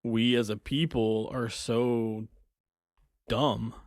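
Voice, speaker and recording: A man's voice: medium pitch, level tone, very slow, no room sound. A man co-hosting a podcast in casual chat, rambling and circling back as he talks, recorded on a close mic. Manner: rambling, trails off and restarts. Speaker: podcast co-host.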